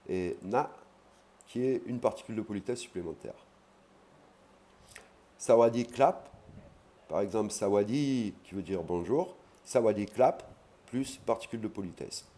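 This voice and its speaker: A man teaching an online language lesson, explaining patiently and repeating key words slowly. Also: on the low side, mellow.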